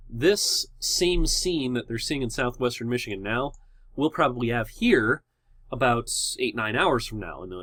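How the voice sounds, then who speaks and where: A TV meteorologist, hoarse from a cold and sore throat, talks through the weather loosely and unscripted, pausing and restarting often, in a casual forecast video. His voice is medium-pitched and a bit bright, and the recording is dry.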